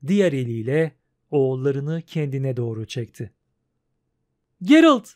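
A man narrating a fantasy audiobook in a calm, measured way. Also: fairly high pitch.

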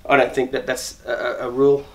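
A man's voice: medium pitch, little pitch movement, brisk. Middle-aged male barber, mid-range voice, hands-on instructional patter with lots of self-corrections, recorded on a lapel mic in a shop. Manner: explains while working, frequent restarts and repeated words. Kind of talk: step-by-step grooming demonstration.

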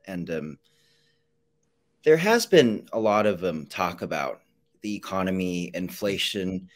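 Young male interviewer, very low voice, measured formal questions over a video call. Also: lively intonation. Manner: measured, with frequent ums.

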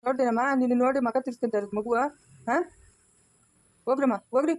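A woman's voice: a little high, fairly even intonation, fast, darkish tone, dry recording, close to an everyday voice. A woman playing a protective older woman of the family, blunt and dismissive, in an amateur family drama.

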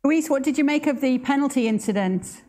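Brisk woman presenter asking questions. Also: high-pitched, lively intonation, warm tone. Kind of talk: TV show hosting.

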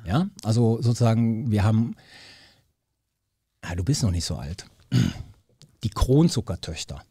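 A man in his fifties from Cologne, a political scientist guest in a studio interview, telling personal stories in a relaxed, animated way and acting out the people he quotes. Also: fairly low pitch, measured pace, breathy edge, dry recording. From Cologne, Germany. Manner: animated storyteller who acts out quoted voices. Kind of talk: casual storytelling interview.

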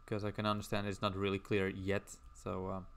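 A man's voice: low voice, monotone, fairly quick, fairly bright tone, clear, resonant tone. A man streaming casually as he draws, rambling and chatting while reading out viewer messages. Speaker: livestreamer.

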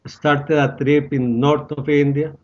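A man in his sixties from Costa Rica with a Costa Rican Spanish accent, telling his story as an interview guest in halting English full of fillers. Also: fairly high pitch, level tone, darkish tone, lo-fi sound. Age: 60s. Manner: halting, many "uh" fillers and restarts. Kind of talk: casual interview, personal story.

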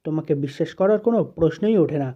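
A man's voice: on the high side, lively intonation, fast. A man voicing a cold, unforgiving young husband who speaks curtly and accusingly, in a dull lo-fi recording. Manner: curt, accusing.

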